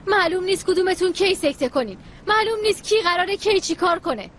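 A woman's voice: high voice, a little hiss or hum, natural voice. A woman dubbing an exasperated young woman. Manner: pleading, then scolding. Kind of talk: dubbed TV drama.

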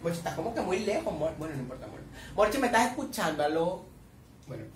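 A man's voice: on the high side, big pitch swings, fast talker, a little hiss or hum. A man giving dramatic, shrieky reaction commentary, constantly addressing his viewers by a pet name. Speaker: series reaction vlogger. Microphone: camera mic at a distance. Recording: echoey room, distant mic.

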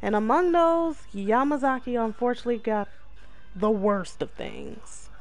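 A man hosts a gaming video with casual, folksy narration. He speaks slowly, with a lot of swing in his pitch. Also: wildly swooping pitch. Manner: folksy, says y'all. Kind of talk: casual narration of a wrestling game storyline.

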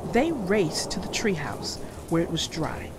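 Woman storyteller, children's read-aloud, slow, lively pitch, slightly creaky. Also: noisy background.

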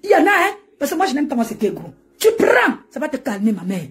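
A woman's voice: sits high, sing-song, fast talker. A woman ranting and mocking on a live stream from home, laughing often as she talks into her phone. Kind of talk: animated Facebook live rant.

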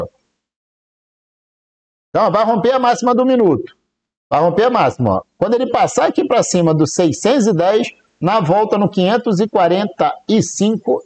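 Here a Brazilian man chats and jokes with viewers during a live day-trading stream, counting aloud as he goes. His voice is high-pitched and a little mellow.

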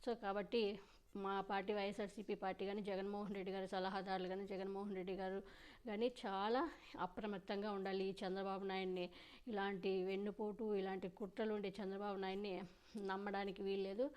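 A woman delivers political commentary in a smooth, clear voice. She talks insistently and circles back to the same warnings, with her pitch at an ordinary middle height for a woman. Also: flat delivery, a little fast, a little mellow.

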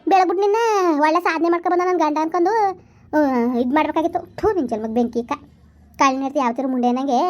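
A woman acts out a fiery village wife in a comedy skit, firing off her scolding at breakneck speed. Her voice sits high, and the recording is dull and muffled. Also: a little mellow, lightly acted. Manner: rapid furious scolding. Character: sharp-tongued village wife scolding husband. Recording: muffled lo-fi sound.

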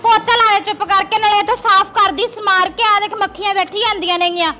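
A woman's voice: extremely high pitch, steady tone, quick pace, sharp tone. A woman playing a bossy, bedridden village wife, nagging and teasing her husband. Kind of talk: rustic comedy sketch acting.

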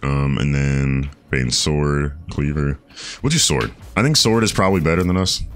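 A man streaming a game, chatting casually, reading chat aloud and thinking out loud. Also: rumbling low, normal speed, slight background noise. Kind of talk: casual gameplay commentary.

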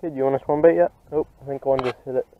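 A young man fishing at a pond bank, teasing his friend and calling out excitedly when fish bite. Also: mid-range voice, racing. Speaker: fishing vlogger. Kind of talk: excited outdoor commentary. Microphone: head-mounted action camera. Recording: tinny lo-fi camera audio with wind noise.

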